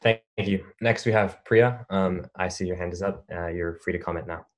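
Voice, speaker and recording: A man moderating a public meeting over a video call, calling on speakers with brisk, polite procedural lines. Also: low voice.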